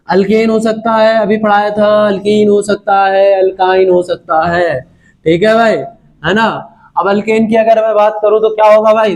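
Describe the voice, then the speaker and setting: A man's voice: high voice, darkish tone. A young man teaching a chemistry class online, chatty and repetitive, constantly asking students questions and calling them brother.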